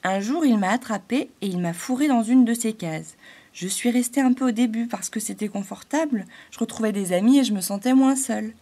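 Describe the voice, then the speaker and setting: A woman's voice: fairly high pitch, a little fast, dark tone. A woman voicing a timid little female thought-spirit, a glowing halo, in a fairy-tale audiobook. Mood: earnest. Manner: shy, hesitant, growing earnest.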